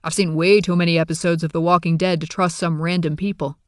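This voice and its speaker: A man's voice: on the high side, little pitch movement, quick pace, clear, resonant tone, no room sound, studio quality. Man narrating a wry audiobook. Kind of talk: first-person audiobook narration.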